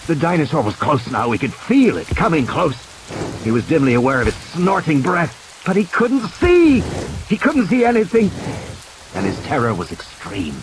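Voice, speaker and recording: An audiobook narrator gives a theatrical, suspenseful reading of a novel, a scripted dramatic narration set over background sound effects. His fairly high voice makes huge pitch swings at a normal speed, with background noise present.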